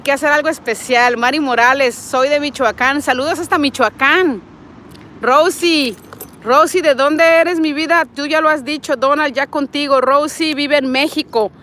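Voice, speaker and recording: A bright, forceful, high-pitched voice belongs to a Nayarit woman in her forties with a Mexican Spanish accent, who hosts a livestream as a vlogger. She greets viewers warmly and reads their comments while out in a parking lot and on a street. Her phone is held at arm's length with a wired earbud mic, and there's a slight hiss or hum.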